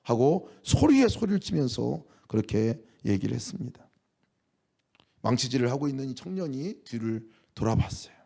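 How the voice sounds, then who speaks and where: Lively Korean male pastor preaching. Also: mid-range voice, creaky. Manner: dramatic storytelling, slowing and whispering for emphasis. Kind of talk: sermon.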